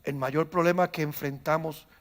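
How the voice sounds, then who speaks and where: A man, a pastor preaching a sermon who starts calm and builds to loud, fervent preaching, acting out stories along the way. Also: fairly high pitch, normal speed. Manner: tells stories, acts out quoted voices. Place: church.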